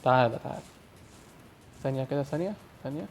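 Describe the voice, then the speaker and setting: A young man with an Egyptian Arabic accent doing fast, excitable commentary on a horror game, yelling and swearing when scared. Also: medium pitch, slight background noise. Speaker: gamer.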